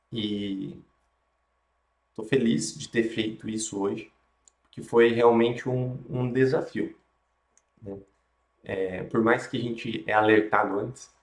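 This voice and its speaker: A man with a Brazilian accent teaching yoga and meditation on a live stream, speaking in a gentle, calm, instructional way with unhurried pauses. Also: fairly low pitch, roomy sound. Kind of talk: calm instructional talk and guided relaxation.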